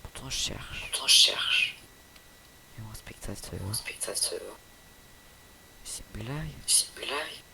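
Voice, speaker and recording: A man's voice: on the low side, expressive, unhurried, creaky, long pauses, pushed and bright, slight background noise. A man giving casual gameplay commentary in short, offhand remarks, with each phrase heard twice as it echoes back through a friend's call. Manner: talks in short, offhand remarks while playing. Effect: every phrase heard twice, echoed back through a friend's call. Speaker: gamer recording a let's play.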